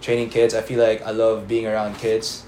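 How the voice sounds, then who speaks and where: A young man from the Philippines, a college student, answering interview questions in a relaxed way with frequent um fillers. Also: lowish voice. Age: young adult. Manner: relaxed, many um fillers and slow pauses. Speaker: interview guest. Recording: roomy echo, faint background noise.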